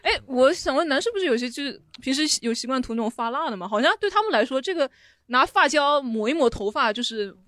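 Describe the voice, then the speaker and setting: A woman's voice: high-pitched, expressive, fast, a bit bright, no room sound. A woman co-hosting a casual chat podcast who asks curious, teasing questions. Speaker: podcast co-host.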